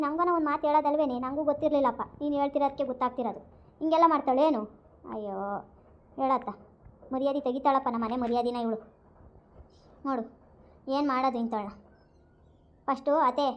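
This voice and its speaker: A woman's voice: high-pitched, fairly even intonation, quick pace, pauses often, lo-fi sound, lightly acted. A woman playing a scheming young daughter-in-law who gossips and confides trouble to the audience. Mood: gossipy.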